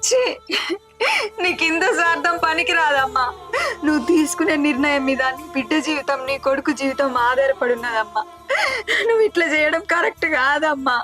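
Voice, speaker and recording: A woman's voice: high-pitched, brisk, music in the background, natural voice. A woman playing a grief-stricken young married daughter, crying and pleading with her mother in a Telangana Telugu accent. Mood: bitter reproach. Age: young adult. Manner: sobbing, pleading, reproachful.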